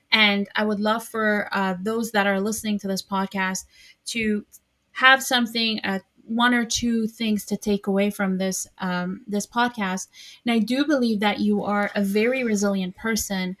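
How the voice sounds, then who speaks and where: A woman's voice: mid-range voice, fairly even intonation, moderate pace, a bit bright. A woman hosting a podcast, asking long, polite, encouraging questions. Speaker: podcast host. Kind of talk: interview questions.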